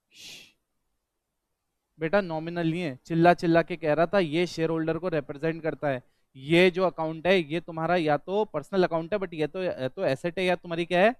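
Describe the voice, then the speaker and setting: A man's voice: high voice, fairly bright tone, smooth, dry recording, clean studio sound. A man teaching an accountancy class to students in a classroom. He keeps asking the students questions, repeats them, and drills the answers back, mixing English accounting terms into his speech. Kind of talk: classroom lecture.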